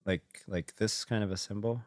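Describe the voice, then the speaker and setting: A man's voice: lowish voice, steady tone, moderate pace, no echo, studio quality. A man hosting a casual video call chat, talking in a thoughtful, hedging way with many fillers.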